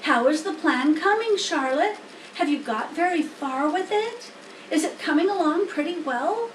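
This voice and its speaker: A small, eager young pig from a storybook, played by a woman, pleads in a very high voice. He is anxious and earnest, and his pitch jumps about in a roomy recording with faint noise. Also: expressive, measured pace. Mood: anxious, curious. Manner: pleading, earnest, full of questions. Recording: roomy, distant mic, faint background noise.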